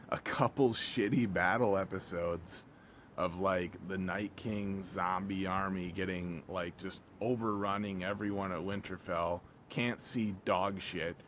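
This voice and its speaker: A man with a low voice rants casually over clearly audible ambient noise. He rambles, circles back on the same phrases and often trails off before finishing. His delivery is blunt, exasperated and peppered with profanity. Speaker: vlogger reviewing a TV episode. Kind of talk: casual off-the-cuff rant.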